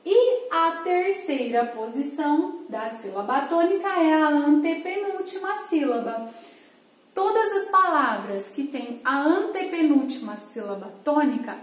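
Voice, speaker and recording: A woman teacher giving a recorded online lesson to children, explaining patiently and clearly with frequent check-ins. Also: sits high, animated, unhurried. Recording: echoey room.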